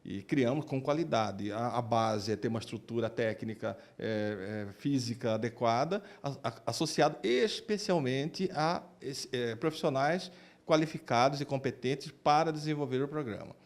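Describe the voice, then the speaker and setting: A male oncologist and researcher with a Brazilian Portuguese accent answers interview questions about his work, talking at a moderate pace in a mid-range voice. As he looks for the words, he repeats himself quite a bit.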